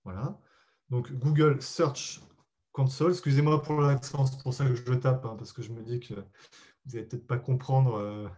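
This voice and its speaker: Mellow-voiced man hosting a webinar. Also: medium pitch, breathy edge. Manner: explains patiently, with frequent hesitations; addresses listeners directly and politely. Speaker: SEO webinar presenter. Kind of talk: live webinar presentation.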